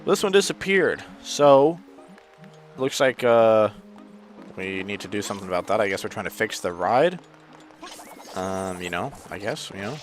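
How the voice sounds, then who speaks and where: A man giving casual, rambling gameplay commentary as a let's play host, with sudden loud outbursts and hiccups. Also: on the low side, animated, a little slow, pauses often, soft background music.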